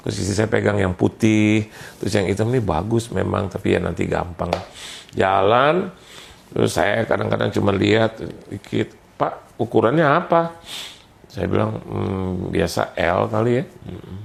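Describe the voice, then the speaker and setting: A male pastor delivers a storytelling sermon. His voice sits low and carries heavy fry. He jokes along the way and acts out the voices of the people in the story. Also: moderate pace. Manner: animated, acts out quoted voices, jokey.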